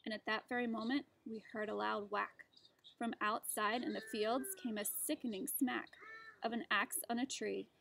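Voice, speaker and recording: A teacher, a woman, reading a rhyming storybook aloud to children with an expressive, rhythmic delivery. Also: on the high side, normal speed, vocal fry, a little hiss or hum.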